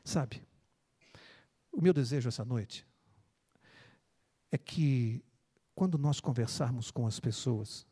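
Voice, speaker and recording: Animated, earnest preacher with a sermon delivery. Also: slow, pauses often, breathy edge, big-room sound. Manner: storytelling, lowering into a hushed, earnest appeal.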